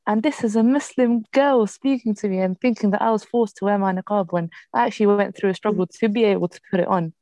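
A woman from Morocco who works as a teacher, co-hosting a podcast and telling a story in casual chat, animated and acting out the people she quotes. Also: medium pitch, quick pace, hardly any pauses, no echo.

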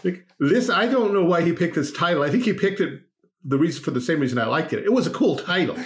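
A man's voice: fairly high pitch, expressive, quick pace. A man co-hosting a podcast in casual discussion, with dry sarcasm, frequent laughter and sentence restarts. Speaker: podcast co-host.

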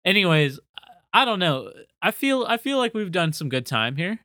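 Man, podcast co-host, bright crisp voice, dry close sound, rambling casual chat. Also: high-pitched, very animated, normal speed, dry recording. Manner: rambling, joking, plugs socials.

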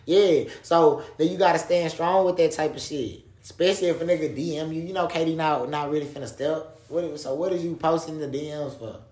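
A man's voice: a little high, a little fast, few pauses, darkish tone. A man chatting casually on a podcast in heavy street slang, repeating himself for emphasis and peppering his talk with bro. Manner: repetitive, emphatic phrasing. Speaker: podcast co-host. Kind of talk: casual opinionated podcast chat. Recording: echoey room.

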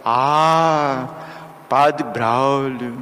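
A man's voice: medium pitch, extremely slow, a bit bright. A male priest voicing a sad homeless man who talks bluntly, in a reverberant room with faint noise.

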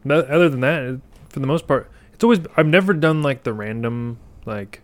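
A man's voice: mid-range voice, brisk, dry recording. A young man in his late twenties chatting casually, easygoing and affirming. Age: young adult. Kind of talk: casual chat.

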